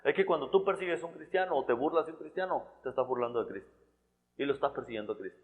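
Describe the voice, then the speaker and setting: A man's voice: medium pitch, very fast, narrow, tinny audio. A man preaching a sermon in a church hall, in a conversational style full of restarts and repeated words.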